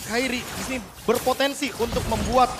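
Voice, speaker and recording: A man's voice: very high voice, steady tone, normal speed, background noise. A man with an Indonesian accent giving live commentary and analysis on a video game match. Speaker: esports analyst caster. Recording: loud music behind the voice.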